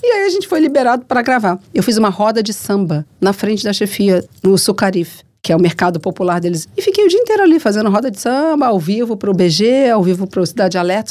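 A woman, a TV reporter telling stories in a lively way and acting out the dialogue. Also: medium pitch. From Rio de Janeiro, Brazil. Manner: lively, acts out quoted dialogue. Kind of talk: animated storytelling in interview.

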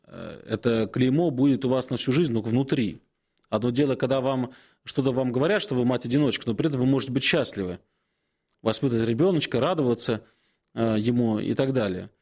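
A man in his forties speaks as a priest on a call-in advice show. His voice sits at an ordinary middle pitch, and he talks without hurry. He pauses often and fills the gaps with hesitant sounds while he gives gentle counsel. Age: 40s. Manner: unhurried, many hesitations, gently advising. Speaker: Orthodox priest answering questions.

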